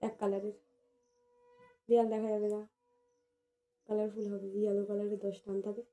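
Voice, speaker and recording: A woman's voice: mid-range voice, monotone, brisk, dark tone. A woman in casual home chat, coaxing and teasing, repeating her requests. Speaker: wife.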